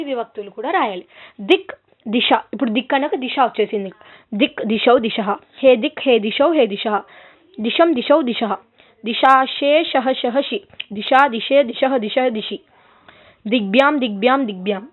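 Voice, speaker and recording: A woman teacher from Telangana with a Telugu accent, chanting Sanskrit noun declensions in a rhythmic recited lesson and checking in with her students. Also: on the high side. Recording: tinny phone-like audio.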